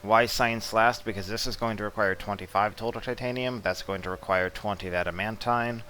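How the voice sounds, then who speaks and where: A man's voice: lowish voice, fairly quick, a little hiss or hum. Laid-back man commenting on a strategy game. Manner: relaxed, blunt, mildly profane asides. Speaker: strategy game guide presenter. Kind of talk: casual gameplay commentary.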